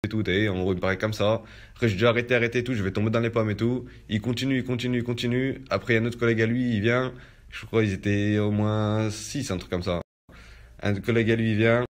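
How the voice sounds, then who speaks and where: A young man tells his story in a rapid, low-pitched voice. He speaks in loose street slang and keeps coming back to fillers as he talks. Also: steady tone. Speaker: storyteller recounting a personal ordeal. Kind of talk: casual spoken testimony.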